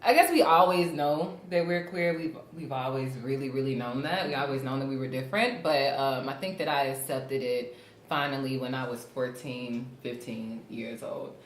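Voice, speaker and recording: A woman's voice: extremely low pitch, moderate pace. A woman in her twenties hosting a casual group chat, candid and laughing, swearing casually. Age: 20s. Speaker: host. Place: studio room with a table of friends. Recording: roomy echo, faint hiss.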